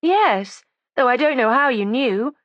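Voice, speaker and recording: A woman's voice: high voice, expressive, measured pace, no echo, dull audio, voice pushed up. A woman playing a defiant, sarcastic young woman. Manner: sarcastic, combative. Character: defiant resentful young woman making a false confession. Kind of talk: audiobook character voice.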